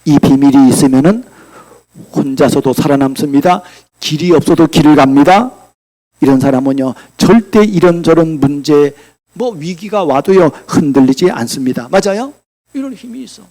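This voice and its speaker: A male pastor preaching a sermon in a church, asking the congregation rhetorical questions and swinging between loud declarations and quiet asides. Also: a little high, expressive, moderate pace.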